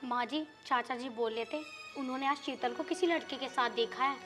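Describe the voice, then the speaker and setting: A woman as a meek, high daughter-in-law. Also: a little fast, a bit bright, faint music behind.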